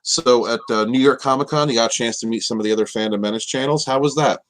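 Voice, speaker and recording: A man's voice: mid-range voice, quick pace, fairly bright tone. A man hosting a casual live-stream interview, easygoing, laughing and greeting viewers. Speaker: host of a live interview show.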